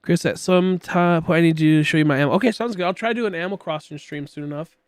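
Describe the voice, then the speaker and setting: Speaking fast in a clear, resonant voice on the high side, a late-twenties man chats through a game livestream. The recording is clean studio sound with no room noise, and he rambles and jokes about himself to viewers and a friend.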